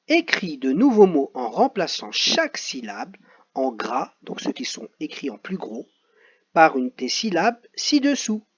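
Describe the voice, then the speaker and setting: A man teaching young pupils, reading out exercises and saying each word slowly twice. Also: on the high side, breathy edge. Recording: dull lo-fi audio.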